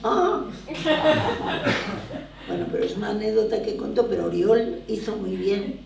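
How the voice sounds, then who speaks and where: Gravelly older woman telling stories animatedly. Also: mid-range voice, measured pace. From Barcelona, Spain. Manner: animated, emphatic storytelling. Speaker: theatre producer, guest. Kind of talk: conversational interview. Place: lecture room at a drama school. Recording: echoey room, voice from far off, faint noise.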